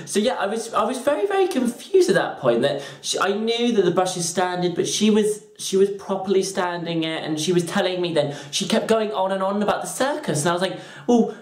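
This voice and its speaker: A woman's voice: mid-range voice, animated, fairly quick, few pauses, darkish tone. Foul-mouthed woman ranting in a roomy room. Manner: profane, rambling storytelling. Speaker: beauty vlogger. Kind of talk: comedic rambling product review.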